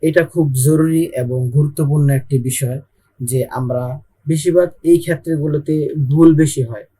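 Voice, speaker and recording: A man's voice: a little high, normal speed, mellow, breathy edge. A young man with a Bangladeshi Bengali accent teaching Arabic letters in an online Quran lesson, patiently repeating and drilling each sound.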